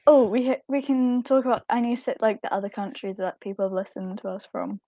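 A woman's voice: medium pitch, flat delivery, fast talker, mellow, no room sound. A young British woman co-hosting a casual podcast chat, giggling and breaking off mid-word. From Britain. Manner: giggly, trails off and restarts words. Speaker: podcast co-host.

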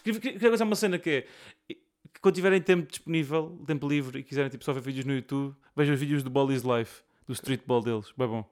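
A man's voice: medium pitch, fast talker. A young man with a European Portuguese accent, chatting casually as a podcast co-host, slangy and often repeating his phrases. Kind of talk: casual chat between friends.

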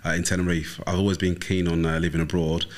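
A man's voice: low voice, level tone, fast talker. A man with an Essex accent telling stories casually as an interview guest, hesitant and often repeating words. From Essex, England. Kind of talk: casual conversational storytelling. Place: studio.

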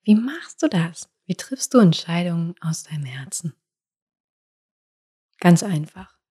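Slow, breathy woman spiritual coach. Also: lowish voice. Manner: soft and intimate, drifting into whispers.

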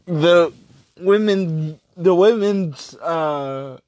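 A man hosting a casual solo podcast review, speaking in halting, terse, choppy phrases. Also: fairly high pitch, a little mellow, dry recording, muffled recording. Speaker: wrestling podcast host.

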